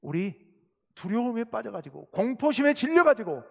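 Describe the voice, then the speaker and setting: A man preaching from the pulpit, his voice riding high and swinging widely as he questions and exhorts his congregation. The sound carries a long reverb from the church sanctuary. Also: very animated, normal speed, gravelly, a little mellow. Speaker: pastor. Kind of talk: sermon.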